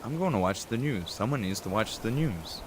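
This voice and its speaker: A man's voice: on the low side, animated, normal speed, natural voice. Male actor as a literal-minded young adult brother in a game, blunt and matter-of-fact, rain behind. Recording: rain and thunder noise behind.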